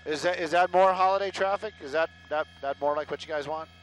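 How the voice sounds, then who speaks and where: A middle-aged man doing helicopter traffic reports rambles in casual live on-air chatter, joking sarcastically and putting himself down, through a headset mic aboard a helicopter in flight. He talks fairly quickly at a fairly high pitch, on a low-quality recording.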